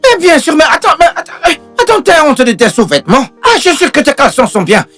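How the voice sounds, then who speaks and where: A woman's voice: a little high, big pitch swings, fast talker, a bit bright, faint music behind. A woman playing a brash, stubborn, bumbling village helper in a dubbed film drama, rambling and insistent with many interjections. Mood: flustered, unbothered.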